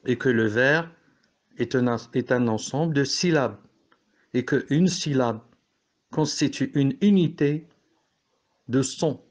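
Slow, methodical male French teacher. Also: medium pitch, a little mellow. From Morocco. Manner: slow, explains step by step, corrects himself. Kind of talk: classroom lesson on poetry.

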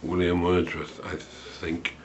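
A man in his sixties telling a personal memory, unhurried and hesitant, with a dry, wry humour. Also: low-pitched, monotone, slight background noise. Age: 60s. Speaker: storyteller recalling a student memory. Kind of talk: unscripted spoken memoir. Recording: dull lo-fi home recording.

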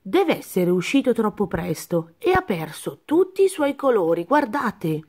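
A woman voicing a small, thoughtful bird in a children's storybook reading, in a light, gentle tone. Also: medium pitch, sing-song, unhurried, breathy edge.

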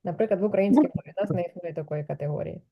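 A woman's voice: on the low side, very fast, creaky, phone-quality sound. A woman teaching Spanish in a patient one-on-one lesson, explaining step by step and checking with questions.

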